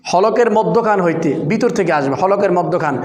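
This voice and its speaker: A man's voice: high-pitched, fairly quick. A man teaching adult beginners to pronounce the Arabic letters of the Quran, explaining patiently and repeating each letter several times. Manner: repeats each letter aloud, louder on drilled sounds. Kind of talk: slow, patient pronunciation lesson. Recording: echoey room with long reverb.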